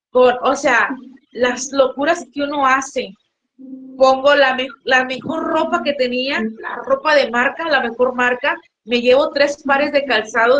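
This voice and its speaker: High-voiced northern Mexican woman testifying. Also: fairly bright tone. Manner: earnest, heartfelt, addresses listeners as brothers. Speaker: church member giving testimony. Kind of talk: emotional church testimony. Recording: muffled lo-fi recording with faint noise.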